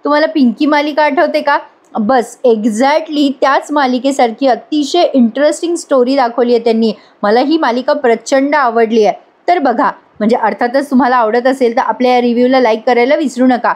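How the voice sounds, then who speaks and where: A chatty woman recaps a TV serial episode in a voice-over, addressing her viewers directly as she goes. Her voice sits a little high. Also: moderate pace, darkish tone. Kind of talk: casual episode recap narration.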